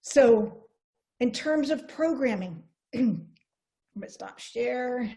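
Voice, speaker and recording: A middle-aged woman presenting an online seminar on a video call, energetic and storytelling, with frequent restarts. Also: fairly high pitch, slow.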